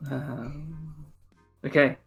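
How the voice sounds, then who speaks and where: A man's voice: a little high, level tone, drawn-out words, husky. A man running a tabletop game as game master, chatting casually with the players. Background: background music.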